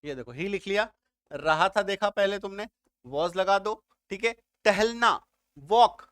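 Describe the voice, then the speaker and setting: A man's voice: sits high, a bit bright, clear, resonant tone, no room sound, studio quality. A man teaching English grammar step by step, often stopping to check whether his students have understood. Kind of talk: spoken grammar lesson.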